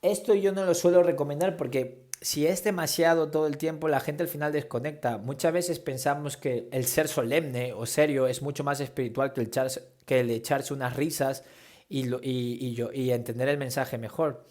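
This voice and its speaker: A man's voice: mid-range voice, fairly even intonation, normal speed, darkish tone. A man leads a workshop on preaching and public speaking. He explains each technique in an easygoing, conversational way and acts out examples of tone and gesture as he goes. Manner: conversational, demonstrates tones and gestures while explaining. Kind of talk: instructional talk on public speaking.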